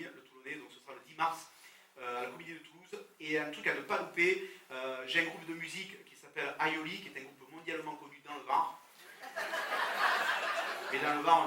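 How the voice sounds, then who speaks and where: A man doing stand-up comedy on stage, telling stories with animated voices for phone calls and arguments. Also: on the high side, a little hiss or hum. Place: theater stage before a live audience. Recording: echoey theater from far off.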